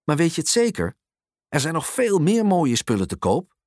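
A storyteller voicing a patient but strict mother in a children's storybook, speaking low, calm and firm. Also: moderate pace, no echo, studio quality.

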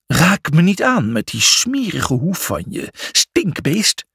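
A man's voice: fairly high pitch, huge pitch swings, takes it slowly, vocal fry, fairly bright tone, breathy edge, dry recording, studio quality, pitched above the performer's own voice, full character voice. A man voicing a haughty temple priest who speaks with disdain and contempt in a storybook reading. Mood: scornful.

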